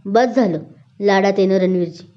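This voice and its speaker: A woman's voice: medium pitch, moderate pace, dark tone, lightly acted. A woman voicing a spirited, sassy middle-aged wife who teases her husband in a spoken story. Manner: sassy, teasing. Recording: dull lo-fi recording.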